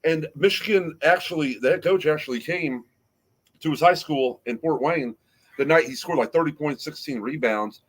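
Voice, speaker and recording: A man's voice: fairly high pitch, normal speed, poor audio. A man hosting a casual sports podcast, rambling through picks and a story while laughing often. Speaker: podcast host.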